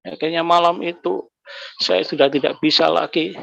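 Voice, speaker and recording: A man telling his personal faith testimony, emotional, his voice climbing high when he recalls anger and grief. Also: fairly even intonation, normal speed, creaky, fairly bright tone. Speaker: guest giving a testimony. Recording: dull lo-fi recording.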